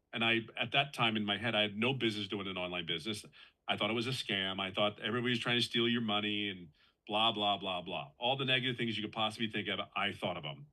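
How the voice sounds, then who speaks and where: Earnest man in his fifties, bright voice. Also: fairly low pitch, rough recording. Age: 50s. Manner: earnest and conversational, with frequent restarts and emphatic repetition. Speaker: guest sharing his story. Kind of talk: personal testimonial on a live call.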